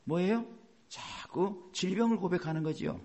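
A man preaching a sermon as a pastor, animated and often acting out the voices he quotes. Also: sits high, normal speed.

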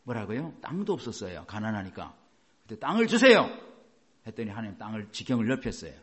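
A man's voice: fairly low pitch, lively intonation, fast, a little mellow. A man preaching a sermon in a dramatic way, asking his listeners rhetorical questions and acting out quotes. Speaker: pastor.

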